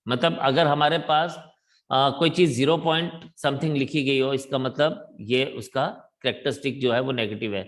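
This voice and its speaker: A man teaching math in a classroom lecture, talking slowly and deliberately in a mix of Hindi and English. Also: medium pitch, fairly even intonation, fairly bright tone.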